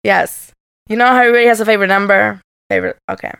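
A woman's voice: mid-range voice, fairly even intonation, very fast, vocal fry, over a noisy crowd. A woman co-hosting a podcast in casual chat, joking and slangy. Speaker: podcast co-host.

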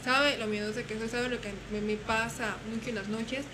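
A young woman telling stories in casual chat, animated and acting out voices. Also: a little high, normal speed. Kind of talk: casual storytelling. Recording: noisy room.

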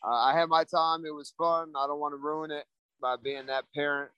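Laid-back man with a flat voice. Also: a little high, normal speed, smooth, no echo, highs cut off. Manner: laid-back, mellow, many "you know" fillers. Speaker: fighter being interviewed. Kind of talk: casual interview.

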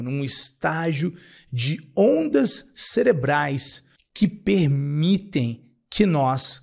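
Husky, creaky man introducing a guided meditation. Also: fairly high pitch, darkish tone. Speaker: guided meditation podcast host.

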